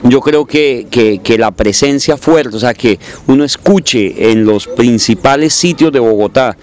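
A man giving reflective spoken commentary, measured and hesitant, often restarting his phrases. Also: medium pitch, darkish tone. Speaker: interviewee. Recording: dull lo-fi recording.

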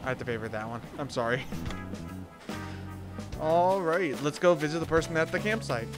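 A man's voice: a little high, expressive, normal speed. Joking young man playing a game. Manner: joking, laughs between lines. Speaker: streamer. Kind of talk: casual gameplay commentary. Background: game music.

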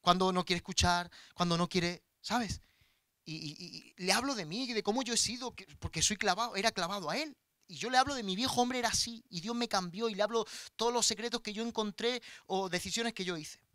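A man's voice: sits high, a little fast, no room sound, clean studio sound. A middle-aged man, a pastor preaching a sermon and telling personal family stories to his congregation with passion. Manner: personal, impassioned storytelling addressed to the congregation; animated, acts out voices in anecdotes.

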